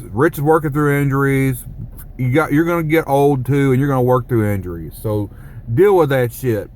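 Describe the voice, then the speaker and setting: A man rambling through a casual vlog, joking and swearing freely. His pitch is mid-range for a man, and a faint vehicle hum sits under his voice. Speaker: vlogger. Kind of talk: casual profane monologue.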